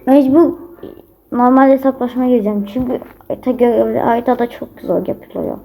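A woman's voice: on the high side, fairly even intonation, brisk, vocal fry, dark tone. A young woman giving casual commentary on her own gameplay, often frustrated and exclaiming at her teammates. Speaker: gamer. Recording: noisy home recording.

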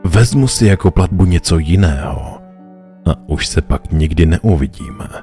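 A man playing a smug male stranger in a horror story who bargains for sins, speaking in a slow, oily and almost bored way. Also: deep voice, lively intonation, warm tone, faint music behind. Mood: bargaining.

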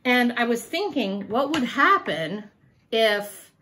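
A woman with a high, bright voice reads a children's picture book aloud. She is animated and sing-song, often pausing to quiz her young listener. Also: slight background noise. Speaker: storyteller for children.

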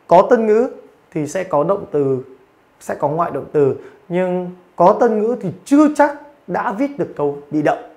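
A man's voice: sits high, a little mellow. A man teaching, giving an online grammar and pronunciation lecture and explaining patiently with frequent fillers. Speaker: English teacher.

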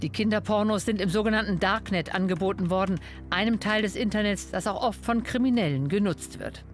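A man reading a scripted news voice-over in a sober, measured way. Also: high voice, faint music behind. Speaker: news narrator.

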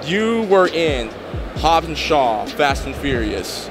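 Higher-voiced young man interviewing. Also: sing-song, takes it slowly, background noise. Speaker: interviewer for a fan channel. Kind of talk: casual on-camera interview. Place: indoor convention booth. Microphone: handheld interview microphone.

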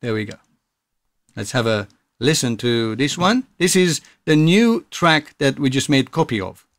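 This is a casual software tutorial on music production, narrated by a man in an unhurried, expressive manner. His voice sits in the middle range, the recording is dry, and he explains things in a relaxed, informal way.

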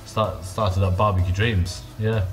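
Chatty man in his thirties, a bit low. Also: steady tone, a little slow, over music. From England. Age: 30s. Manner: chatty, many fillers like "you know". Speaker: restaurant owner. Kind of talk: casual interview. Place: indoor restaurant.

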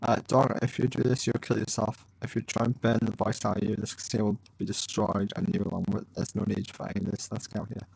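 Man, let's play host, casual commentary, very gravelly, husky, reads dialogue choices aloud. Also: lowish voice, flat delivery, fast, few pauses, a little mellow, no room sound, low-quality recording.

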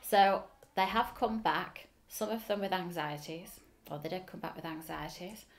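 This is an oral history interview in a school office, where a middle-aged woman with a Liverpool accent sits facing the camera. Her voice is on the low side, steady and at normal speed, and she talks earnestly with frequent ums.

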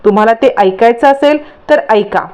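A woman's voice: a little high, normal speed, darkish tone, muffled recording, lightly acted. A woman voicing a greedy young blackmailer who talks in a taunting, insistent way in a storytelling recap.

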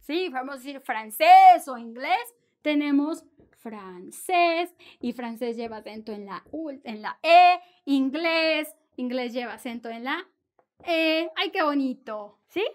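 Bright, unhurried woman teaching Spanish. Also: high voice. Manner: playful, animated, drawn-out syllables for practice. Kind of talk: bilingual language lesson.

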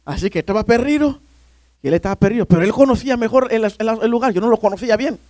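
A male pastor telling a lively personal story during a sermon, often calling listeners "brother". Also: sits high, fast talker, no echo, clean studio sound. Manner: animated storyteller, often addressing "hermano".

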